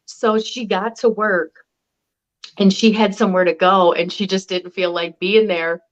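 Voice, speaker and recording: A woman co-hosting a casual talk show, telling a story in a lively, profane way and acting out what people said. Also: mid-range voice, a little slow, rough recording. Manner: lively, profane, acts out quotes. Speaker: podcast co-host.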